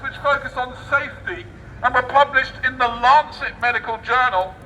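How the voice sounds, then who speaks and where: This man's extremely high voice is pushed and bright as he reads the news aloud in the form of satirical street oratory. His mock enthusiasm is theatrical and sarcastic. Faint street noise surrounds the distant outdoor recording.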